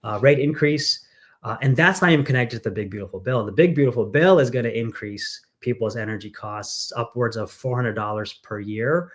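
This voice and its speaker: A congressional candidate who grew up in England speaks in a conversational interview, earnest and full of stories, with frequent fillers. His mid-range voice moves a little fast.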